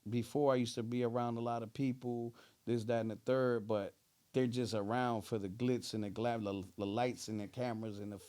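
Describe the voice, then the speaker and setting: A man's voice: mid-range voice, flat delivery, fairly quick, a little mellow. A man with a New Jersey accent talking casually as a rapper being interviewed, using heavy street slang and emphatic, repeated check-in phrases.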